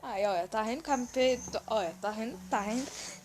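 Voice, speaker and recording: Excitable Brazilian woman narrating gameplay. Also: fairly high pitch, quick pace, heavy background noise. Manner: excitable running commentary, often urging the viewer to look. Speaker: gaming video host. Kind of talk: let's-play gameplay commentary. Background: faint game music.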